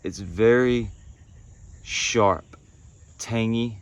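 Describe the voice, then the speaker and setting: A man in his thirties giving a casual review to camera, speaking in short phrases with unhurried pauses. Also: on the low side, clear, resonant tone. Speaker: pipe tobacco reviewer. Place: outdoors in a pine wood.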